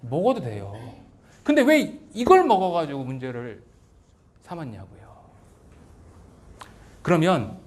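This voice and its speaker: A male pastor preaching a revival sermon, animated and full of rhetorical questions to his listeners. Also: fairly high pitch, a little slow, long pauses. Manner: dramatizes quotes in character voices.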